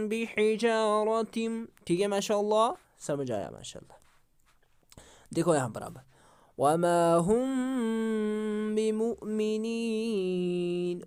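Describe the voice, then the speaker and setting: A man teaching Quran recitation rules. He asks questions, answers them himself, recites example words slowly and drawn out, and often praises with mashallah. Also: high voice. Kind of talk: Quran tajweed lesson.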